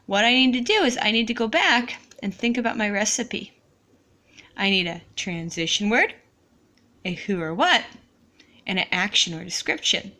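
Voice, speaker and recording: A woman teacher slowly modeling how to write sentences for young students, in a deliberate, encouraging classroom manner. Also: medium pitch, bright, forceful tone.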